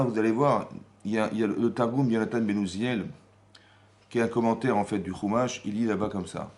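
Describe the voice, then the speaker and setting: A man giving a lively Torah class as rabbi, asking the room rhetorical questions and acting out the dialogue he explains. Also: on the low side. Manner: animated, acts out quoted dialogue, rhetorical questions. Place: Paris community hall.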